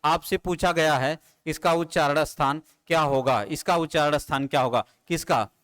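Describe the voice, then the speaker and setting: At a moderate pace and in a fairly high, fairly bright voice, a man drills Hindi grammar terms at a board in a classroom. He treats his students familiarly, asking them questions and repeatedly answering those questions himself.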